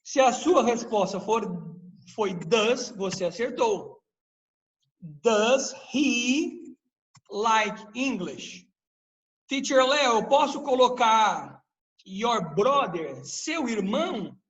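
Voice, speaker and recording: Slow-talking high-voiced male teacher. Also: animated, fairly bright tone, poor audio. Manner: explains patiently, quizzes the class with questions. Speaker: English teacher. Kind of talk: live online grammar lesson.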